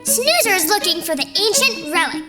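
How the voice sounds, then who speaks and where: Very high squeaky little critter, bouncy and excitable, voice all over the place. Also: female voice, normal speed, loud music behind the voice. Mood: excited. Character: excitable little creature Snoozer. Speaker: puppet character performer.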